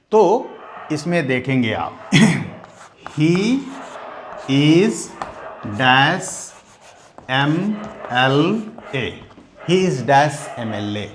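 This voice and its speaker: A man teaching a grammar lesson, who explains slowly and repeats each point as a question to his students. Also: a little high, slight background noise. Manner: slow, repeats key words as questions to the class. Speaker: English teacher.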